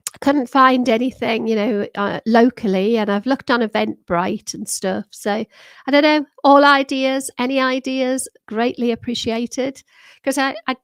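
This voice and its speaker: On a livestream, a British woman in her sixties, now retired, talks casually to her viewers, meandering through frequent ums, restarts and laughs. Her fairly high-pitched voice is slightly going and a bit worn. Picked up by a desktop mic, the sound has no room ambience.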